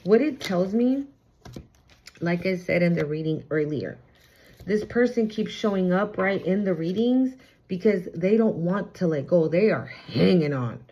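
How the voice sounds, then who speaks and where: Woman tarot reader, mellow voice, blunt and sassy, muffled lo-fi recording. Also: on the low side, animated, measured pace. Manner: chatty, blunt, profane, sassy. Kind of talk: casual spiritual tarot reading.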